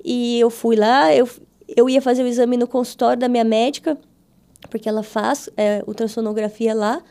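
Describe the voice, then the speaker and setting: Brazilian woman guest, high and mellow, fry in the voice, animated storyteller who plays out every quote. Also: normal speed. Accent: Brazilian Portuguese. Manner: animated, acts out quoted dialogue with her voice. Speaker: podcast guest. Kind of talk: testimony storytelling in a casual interview.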